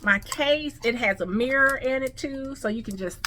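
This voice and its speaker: A woman's voice: high-pitched, moderate pace, bright, forceful tone, slight background noise. A woman vlogging casually about her new teeth, effusive and chatty, with a slight lisp. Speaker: customer sharing her experience. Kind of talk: casual selfie vlog.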